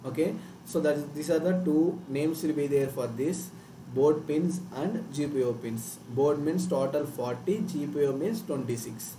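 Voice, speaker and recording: A native Telugu speaker from South India, this man explains things repetitively like a live online workshop tutor, checking understanding with tag words in his Telugu Indian accent. His voice is a little high and his pace normal, streamed via screen-share from an indoor room on a distant mic with roomy sound and faint noise.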